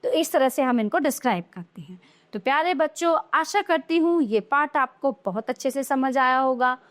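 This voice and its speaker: High-voiced woman teaching children. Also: animated, moderate pace, a bit bright. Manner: explains patiently, asks questions and answers them. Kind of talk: grammar lesson for young children.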